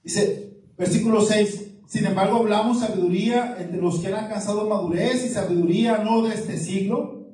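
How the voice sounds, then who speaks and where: A man's voice: sits high, moderate pace, mellow. A male pastor, preaching a sermon, reading scripture and putting questions to his congregation. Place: church hall. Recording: echoey hall, far from the mic. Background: congregation responding.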